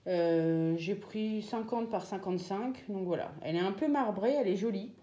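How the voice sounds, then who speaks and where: A woman chatting casually as she shows off her craft purchases, pausing often with fillers. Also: medium pitch, mellow, roomy sound. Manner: chatty, hesitant with many fillers. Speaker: craft vlogger. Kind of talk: casual show-and-tell.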